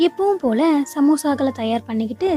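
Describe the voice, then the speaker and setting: A woman's voice: high-pitched, a little fast, soft background music. Woman narrating a children's story. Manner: calm storytelling. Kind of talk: scripted narration.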